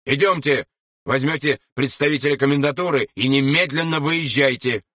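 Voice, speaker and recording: A man's voice: medium pitch, moderate pace, a bit bright, no echo, clean studio sound, pitched above the performer's own voice, close to an everyday voice. A man voicing an agitated senior lieutenant who urgently scolds soldiers. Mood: indignant. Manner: urgent, indignant.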